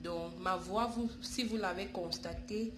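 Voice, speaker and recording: Congested from a cold, a woman hosts a YouTube home remedy tutorial indoors at home, addressing viewers warmly as "darlings." She speaks at a measured pace in a mid-range voice, frequently restarting and repeating phrases, with reverb and background noise in the audio.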